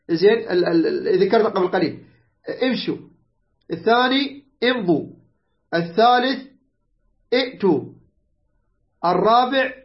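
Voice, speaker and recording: A teacher with an Iraqi Arabic accent explaining grammar patiently, repeating words slowly, spelling out letters and often checking that students follow. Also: mid-range voice, lo-fi sound. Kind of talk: online grammar lesson.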